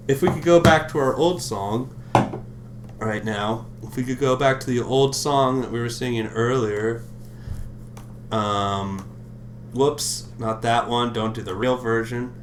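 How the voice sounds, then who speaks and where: A man's voice: mid-range voice, unhurried, noisy background. A man hosting a livestream, reading scripture aloud and breaking off into mocking, profane comedic asides. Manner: profane, mocking asides between read passages. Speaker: livestream host.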